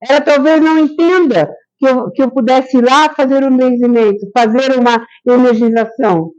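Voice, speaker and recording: A woman's voice: sits high, normal speed, darkish tone. A woman giving a conversational, story-filled lecture to a spiritist group, asking the audience questions as she goes. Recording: dull lo-fi recording.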